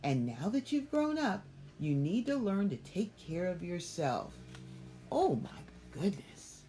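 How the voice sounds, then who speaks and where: A middle-aged woman reading a children's picture book aloud, expressive and asking the listeners questions. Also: fairly low pitch, slow pace. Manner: expressive, asks listeners questions between passages. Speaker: children's story reader.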